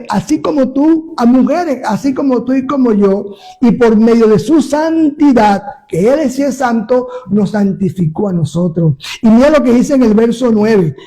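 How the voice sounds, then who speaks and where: A man with a strikingly high voice and a soft, dark tone leads a live-streamed radio program as pastor and host. He reads scripture with fervent emphasis and speaks warmly to listeners between passages. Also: low-quality recording. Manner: preaching, emphatic scripture reading. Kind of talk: radio interview with sermon reading. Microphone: live stream via phone.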